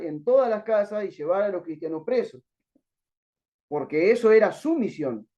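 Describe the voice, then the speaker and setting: A man teaching a Bible class, his voice high-pitched yet mellow and dark in tone. He asks his listeners rhetorical questions and often restarts sentences while searching for words. The recording sounds dull and muffled. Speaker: teacher at a missionary school.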